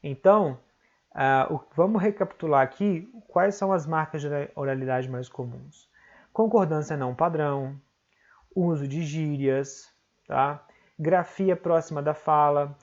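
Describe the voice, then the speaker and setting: A man with a Brazilian accent teaching an online exam-prep lesson, explaining step by step and often checking in with quick tag questions. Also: a little high, vocal fry, a little mellow, lo-fi sound.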